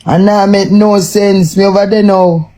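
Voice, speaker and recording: A woman's voice: mid-range voice, fairly even intonation, a little slow, mellow. A woman with a Jamaican accent throwing crude, mocking insults in a live-stream argument.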